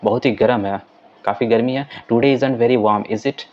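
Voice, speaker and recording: A man teaching English in Hindi. He reads English sentences slowly, explains them quickly, and keeps saying "ठीक है" as he goes. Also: mid-range voice, darkish tone, muffled recording. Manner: repeats "ठीक है" as a filler.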